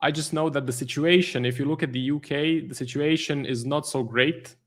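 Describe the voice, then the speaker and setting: A man's voice: a little high, normal speed. A man, a trading stream host giving live market commentary, thinking aloud with many fillers and restarts. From Croatia.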